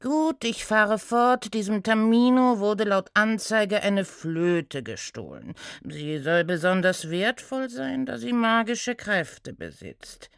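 A woman voicing a big, stern male centaur inspector who talks in a low, curt, gruff way. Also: animated, takes it slowly, few pauses, no room sound, clean studio sound. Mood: gruff impatient.

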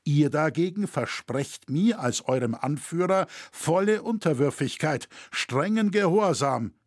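A man voicing a proud, steadfast medieval master builder who speaks in firm, measured declamation. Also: fairly high pitch, lively intonation, dry recording, clean studio sound. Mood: calm, solemn.

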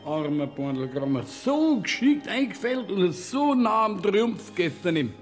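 A meek saint with a Bavarian accent in a radio play. His soothing voice sits fairly high and moves a lot. Faint music lies behind. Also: big pitch swings, measured pace. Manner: soothing, agreeable. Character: meek heavenly saint, easily agreeing.

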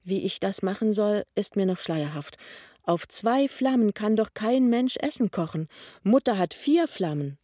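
Storybook young wife, lively and insistent, pitched up high, read by a man. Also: normal speed, hardly any pauses, no echo, clean studio sound. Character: young woman, cheerful, practical, stubborn.

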